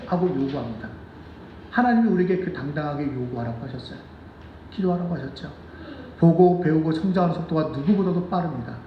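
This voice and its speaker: High, lively male pastor in echoey hall. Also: recorded from a distance, highs cut off, a little hiss or hum. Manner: animated, asks the congregation rhetorical questions; acts out children's voices in quotes. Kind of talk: sermon. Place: church sanctuary.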